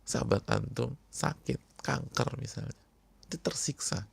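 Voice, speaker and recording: Husky raspy guy preaching, emphatic, repeats stuff, goes hushed sometimes. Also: mid-range voice, unhurried. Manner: emphatic, repetitive, drops to hushed tones; addresses the congregation directly. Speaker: Islamic preacher. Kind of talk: sermon.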